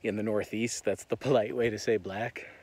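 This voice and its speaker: A man's voice: on the low side, level tone, brisk, warm tone. A man with an American accent giving an earnest, reflective monologue as he walks and talks. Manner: earnest, reflective, talking while walking. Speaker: vlogger. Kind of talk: walk-and-talk monologue. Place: on the move while walking.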